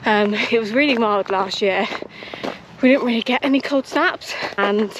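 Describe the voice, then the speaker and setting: Out on a run along a frosty countryside trail, a young British running vlogger chats casually to camera. Her voice is on the high side and she speaks at a normal speed, while the outdoor audio is noisy and marked by clicks.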